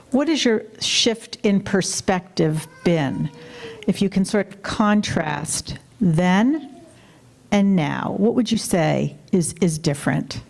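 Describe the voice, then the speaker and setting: Panel moderator, woman, unhurried and gently reassuring, fry in the voice. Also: lowish voice. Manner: measured, gently reassuring questions.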